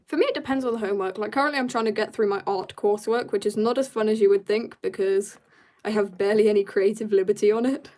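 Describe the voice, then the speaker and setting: This woman talks quickly at a medium pitch while drawing on a laid-back livestream. She responds to comments she reads aloud, admits to being tired, and lapses into quiet murmurs to herself mid-work.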